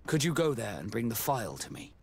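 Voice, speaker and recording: Captain Vasco, expressive earnest naval captain. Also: male voice, medium pitch, fast talker, vocal fry, a little hiss or hum. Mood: earnest, guarded. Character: naval captain, Vasco, earnest man seeking his origins. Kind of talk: video game cutscene acting.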